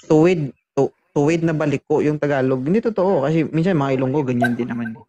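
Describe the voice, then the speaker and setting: A man's voice: on the high side, quick pace, mellow, a little hiss or hum. A man hosting a matchmaking show, bantering and teasing his guests. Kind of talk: casual chat.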